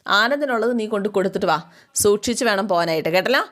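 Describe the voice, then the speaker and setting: A woman's voice: medium pitch, expressive, fast, a bit bright, natural voice. A woman voicing a domineering middle-aged mother-in-law who scolds sharply. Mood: scolding.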